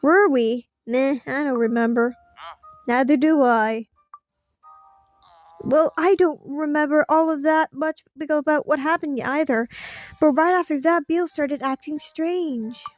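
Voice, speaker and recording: High-voiced woman reading game dialogue aloud. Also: measured pace, soft background music. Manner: theatrical, acting out character lines. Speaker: let's play streamer.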